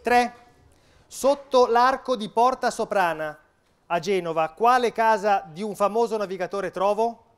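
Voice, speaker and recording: A man's voice: high-pitched, measured pace, clean tone. A man hosting a live quiz show on a stage. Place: stage in a hall with seated audience.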